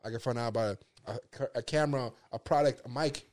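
A man's voice: mid-range voice, fast talker, a little mellow. A man co-hosting a podcast, talking in casual, joking banter and laughing often. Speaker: podcast co-host.

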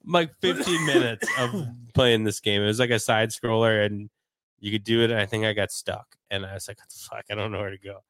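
Laid-back storytelling man, low voice. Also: moderate pace, fairly bright tone, no echo. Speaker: podcast co-host. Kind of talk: casual chat.

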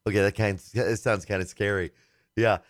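A man's voice: lowish voice, steady tone, a little fast, no room sound. A man hosting a tech radio show in casual chat, joking and laughing easily.

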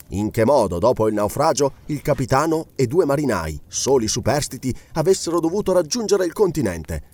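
A man narrating a classic novel aloud in an expressive, dramatic reading style. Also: medium pitch. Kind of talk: audiobook reading.

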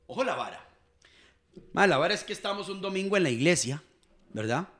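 A man with a Costa Rican accent co-hosting a casual talk show, telling animated stories and acting out quoted dialogue. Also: high-pitched, fairly quick. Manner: animated storyteller who acts out quoted dialogue. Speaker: co-host. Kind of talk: casual chat, storytelling.

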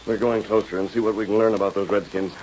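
An actor playing a commanding, watchful Western hero in a 1930s radio drama. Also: male voice, on the low side, little pitch movement, quick pace, darkish tone, lightly acted. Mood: grave. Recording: muffled, hissy 1930s radio recording.

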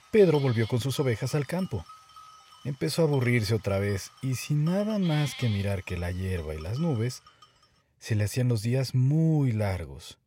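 A man narrating a children's fable in an expressive, scripted storybook style. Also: mid-range voice, slightly rough, no room sound, studio quality.

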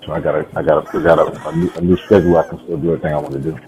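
A man in a casual podcast chat who speaks in a measured, halting way with frequent ums. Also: a bass voice, flat delivery, dark tone, a little hiss or hum.

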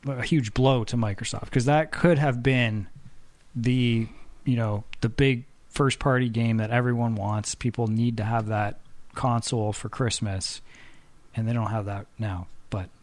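Man calmly pushing back in a podcast debate. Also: mid-range voice, a little slow, no room sound. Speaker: podcast co-host. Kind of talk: casual debate.

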